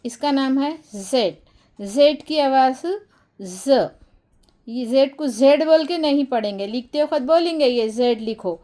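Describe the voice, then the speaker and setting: Slow, patient woman teaching letter sounds. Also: sits high, darkish tone. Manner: slow, patient, repeats each sound several times; addresses viewers directly and encourages them. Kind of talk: phonics lesson for beginners.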